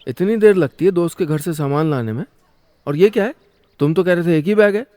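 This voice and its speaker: A man's voice: a little high, fairly quick, mellow, dry recording, studio quality, close to an everyday voice. A man voicing a stern, commanding father who scolds his grown son. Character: stern middle-aged father, bossy and scolding.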